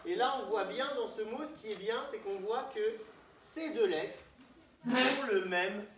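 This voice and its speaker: A woman teaching young children to read, patiently coaxing them and sounding out each syllable slowly. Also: on the high side, far from the mic. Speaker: primary school teacher. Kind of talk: classroom lesson for young children. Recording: echoey room, faint noise.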